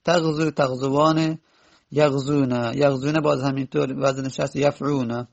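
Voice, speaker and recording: A man teaching a grammar lesson, repeating word forms slowly and correcting himself as he goes. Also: mid-range voice, flat delivery, gravelly, highs cut off.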